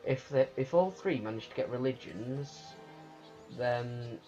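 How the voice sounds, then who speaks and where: A man giving unscripted commentary on a strategy game, thinking aloud in a halting way. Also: medium pitch, mellow. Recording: muffled lo-fi recording with music. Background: music.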